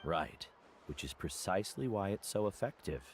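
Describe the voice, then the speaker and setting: A man playing an older mentor guide in a video game, solemn, gentle and protective, speaking in a measured way. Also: low-pitched, lively intonation, slight background noise.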